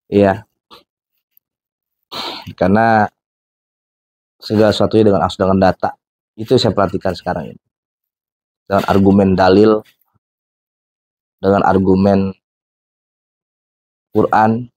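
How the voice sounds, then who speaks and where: A man's voice: low-pitched, flat delivery, measured pace, pauses often, darkish tone, no room sound. A man hosting a reaction video, making casual, sardonic comments to his viewers and laughing now and then.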